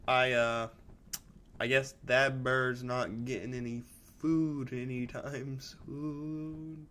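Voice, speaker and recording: A man's voice: mid-range voice, flat delivery, slow, sharp tone, a little hiss or hum. A man commentating a video game as he plays, rambling and often restarting his sentences as he reacts to what happens on screen. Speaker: gamer. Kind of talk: let's play commentary.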